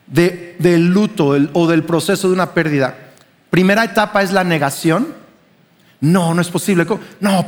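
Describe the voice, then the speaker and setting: A man's voice: high-pitched, long reverb tail. A man with a Mexican Spanish accent preaching a sermon as pastor, conversational and often asking the congregation questions.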